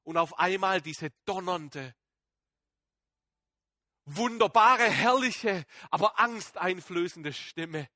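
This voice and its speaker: A man acting out a fervent apostle in a dramatic sermon monologue. The voice sits high and bright, in a dry, close sound. He talks in halting bursts of excitement that fall into hushed awe. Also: no room sound, exaggerated voice. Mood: awed, fervent. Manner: emotional and halting, swinging between excited outbursts and hushed awe. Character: Apostle Paul as a man, shaken and fervent, recounting his conversion.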